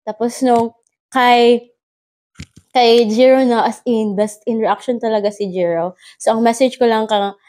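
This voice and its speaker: A young Filipino woman tells a story to her camera in an excited, giggly way. Her voice sits a little high, and she switches freely between two languages. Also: a little slow. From Philippines. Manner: excited, giggly, mixes Tagalog and English. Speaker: vlogger. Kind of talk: casual storytelling.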